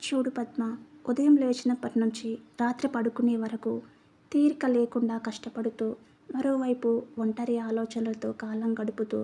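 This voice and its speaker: A patient husband in a narrated story, as a woman puts him on speaks gently and consoles his wife. The voice is mellow and breathy. It moves little in pitch. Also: flat delivery, normal speed. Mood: gentle. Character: caring middle-aged husband, patient and gentle.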